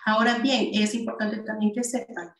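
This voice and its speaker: A woman's voice: on the high side, little pitch movement, moderate pace, roomy sound, low-quality recording. A woman with a Mexican Spanish accent giving a video conference talk as a language specialist, chatty, with many fillers and restarts. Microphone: video call.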